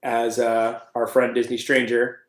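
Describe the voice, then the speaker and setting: A man co-hosting a casual podcast chat, animated and quick to break into mock screams. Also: medium pitch. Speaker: co-host. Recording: roomy echo.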